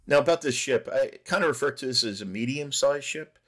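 A middle-aged man giving a relaxed, conversational voice-over narration for a cruise ship tour vlog. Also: medium pitch, fairly quick. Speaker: travel vlogger.

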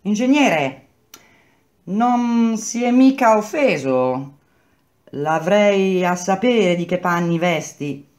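A woman's voice: mid-range voice, lively intonation, slow, darkish tone, pitched above the performer's own voice. A woman reading as a sardonic bricklayer. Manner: ironic, confrontational. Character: male bricklayer, sardonic, challenging his boss.

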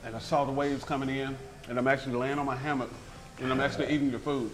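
A man's voice: medium pitch, flat delivery, quick pace, a bit bright, a little hiss or hum, low-quality recording. A man hosting a local TV food segment, tasting dishes at a restaurant table and gushing over them in casual, enthusiastic chat. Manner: effusive, enthusiastic, chatty. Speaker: TV food show host.

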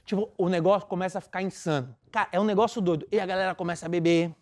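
A man's voice: high voice, very fast, a little mellow. A young man telling a story on a talk show, acting out the other people's voices as he goes. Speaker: guest comedian. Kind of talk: animated storytelling.

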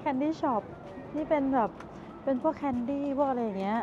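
Browsing a market and tasting snacks, a woman in her thirties chats to her viewers in a high, animated voice at normal speed. She's a travel vlogger making a casual food and market video, commenting as she eats. It's filmed outdoors on a handheld camera at arm's length, sounding muffled amid street noise.

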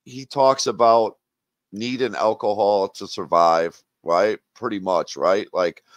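A man's voice: on the low side, steady tone, slow, no echo. A man hosting a casual livestream chat, talking in a blunt, profane and mocking way. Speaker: livestream host.

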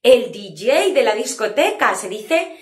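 Lively woman teaching slowly. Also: fairly high pitch, roomy sound. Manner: lively, clear and patient, drawing out letter sounds to show them. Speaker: English teacher. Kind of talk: spoken lesson for Spanish speakers.

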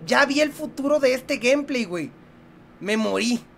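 A young man with a Mexican accent, commenting on a horror game in a joking, profane, excitable way. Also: very high-pitched, moderate pace, vocal fry, slight background noise. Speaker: gaming youtuber.

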